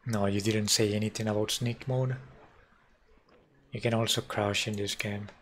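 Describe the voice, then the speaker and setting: A man's voice: fairly low pitch, steady tone, moderate pace, fairly bright tone, a little hiss or hum. A man commenting as he plays a mobile game on a live stream, wry and self-mocking, talking to himself and his chat.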